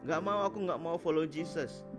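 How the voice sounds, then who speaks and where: A man's voice: fairly high pitch, moderate pace, over loud music, natural voice. A man voicing a sulky, selfish young child with a Manado Malay accent, whining and pushing others away.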